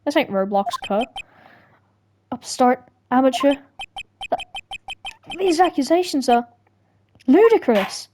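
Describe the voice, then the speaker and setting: A woman voices every character in a courtroom game by herself as a playful solo fan dub, joking, stumbling between lines, laughing at herself and putting on voices. Her voice is high with big pitch swings, she speaks a little slowly with long pauses, and there's noise in the background.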